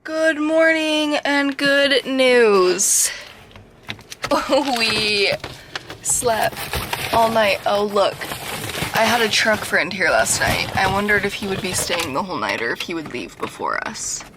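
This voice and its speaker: A woman's voice: mid-range voice, expressive, unhurried. A woman vlogging her road trip in casual chat, filling her talk with "like" and openly emotional, recorded around a camper and outdoors. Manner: chatty, fillers of "like". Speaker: travel vlogger. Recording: outdoor background noise.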